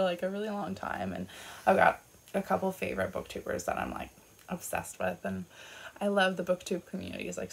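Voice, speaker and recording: A Canadian booktuber in her late twenties chats casually on her vlog, her medium-pitched voice gravelly. She fills her talk with "like" and "um," pokes fun at herself and laughs often.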